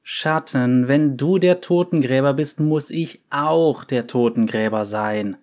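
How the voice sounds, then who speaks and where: A man's voice: mid-range voice, takes it slowly, darkish tone, close to an everyday voice. A man doing a sulky gloomy yordle girl. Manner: sullen, curt. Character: gloomy young female yordle, sulky and dismissive.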